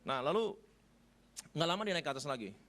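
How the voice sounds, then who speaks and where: A middle-aged male pastor telling a personal story in a sermon, animated and joking, his voice climbing high when moved. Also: fairly quick. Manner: animated, humorous, rising high when emotional. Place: church service.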